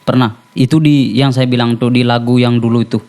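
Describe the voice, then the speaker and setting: Podcast guest: male rapper, halting, restarts a lot, everyday mid voice. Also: mid-range voice, flat delivery, a little mellow. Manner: halting, searching for words, frequent restarts. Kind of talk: casual chat.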